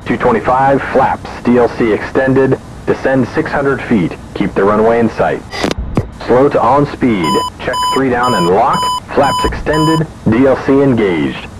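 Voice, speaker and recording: A man voicing a calm navy jet pilot who speaks into a cockpit headset in clipped checklist calls. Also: medium pitch, measured pace. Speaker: fighter pilot. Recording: cockpit headset with loud engine noise.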